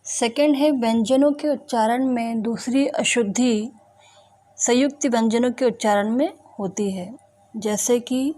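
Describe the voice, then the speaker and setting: A woman teacher with an Indian accent giving a recorded grammar lesson, deliberately repeating each example word. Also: a little high, a little mellow. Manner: slow, deliberate, repeats example words one by one. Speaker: school teacher.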